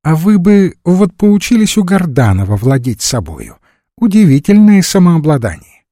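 A man's voice: fairly high pitch, wildly swooping pitch, moderate pace, warm tone, no echo, studio quality, voice pushed up. A man reading an audiobook voices a poised, inquisitive provincial noblewoman with pointed questions. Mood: probing.

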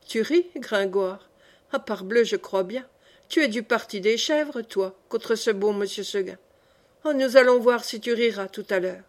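Expressive woman reading an audiobook. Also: fairly high pitch. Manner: expressive, measured storytelling. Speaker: audiobook reader. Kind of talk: audiobook narration of a classic story.

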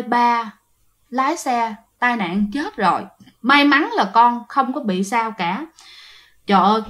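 Woman, ghost story teller, chatty and direct with listeners, a bit high-pitched. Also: fairly bright tone. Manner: chatty, addresses listeners, many fillers. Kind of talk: told ghost story narration.

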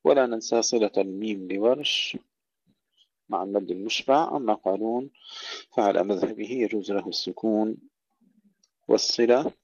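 A man teaches Quranic recitation in a lowish, mellow voice. He drawls short verse fragments slowly and a bit louder, then explains each rule calmly. The recording is dry and a little dull. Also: creaky, no room sound.

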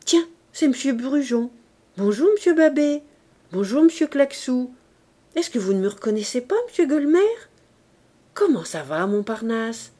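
Brief: woman reader plays a spoiled, coaxing young street girl, raised bright voice. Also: sits high, lively intonation, normal speed, pitched above the performer's own voice. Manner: childish, wheedling coaxing.

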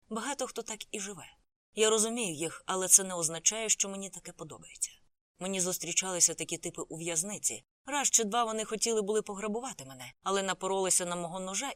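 A woman's voice: lowish voice, no echo. A woman narrating a novel as an audiobook, reading the characters' lines in her own voice.

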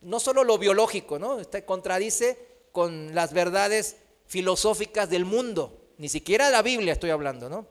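A man preaching a sermon, asking rhetorical questions and tagging his points with a quick "¿no?". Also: high-pitched, animated. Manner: rhetorical questions with frequent tag "¿no?"; acts out quoted voices.

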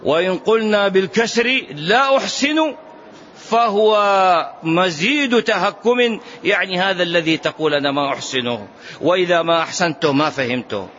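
A man with a high voice teaches a religious lesson. He presses his points with rhetorical questions and repeats key phrases. The recording is dull and lo-fi. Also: normal speed, a bit bright. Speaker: Islamic lecturer.

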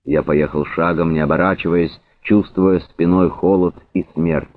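A man reading literary narration aloud in a measured, even way. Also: sits low. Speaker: audiobook reader. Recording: narrow phone-like sound.

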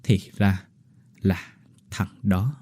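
A man's voice: deep voice, drawn-out words, darkish tone, husky, dry recording, studio quality. A man narrating a horror story with dramatic delivery. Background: faint music.

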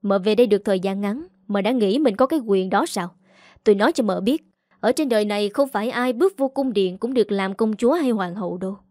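A woman's voice: mid-range voice, quick pace, darkish tone, no echo, clean studio sound, lightly acted. Woman putting on a young maid, defiant then pleading. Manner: stammering, whining when scared.

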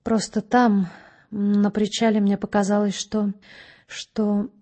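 Woman reader as mysterious young lady, low dark tone, husky, slow, hushed, audiobook. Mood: hushed, pleading.

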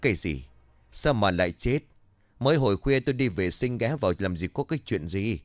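A man's voice: fairly low pitch, lively intonation, a little fast, no room sound, lightly acted. A man voicing a blunt, stubborn middle-aged village farmer. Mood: gruff. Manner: blunt, dismissive.

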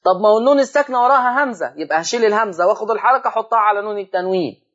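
A man's voice: sits high, rapid-fire, fairly bright tone. A man with an Egyptian accent teaching Quran recitation rules on a television lesson, explaining step by step and drawing out words to demonstrate. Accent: Egyptian Arabic. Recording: dull lo-fi broadcast audio.

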